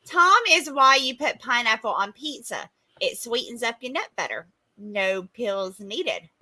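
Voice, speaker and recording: A woman's voice: a little high, lively intonation, a little slow, pushed and bright. A woman from Georgia co-hosting a podcast in casual chat, bawdy and teasing, laughing often. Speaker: podcast co-host.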